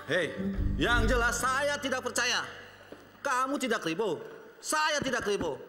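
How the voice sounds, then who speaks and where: An actor playing a jealous, hot-tempered sailor husband who accuses and blusters. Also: male voice, extremely high pitch, lively intonation, a little slow, pushed and bright, echoey room, big-room sound, faint music behind, full character voice. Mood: suspicious.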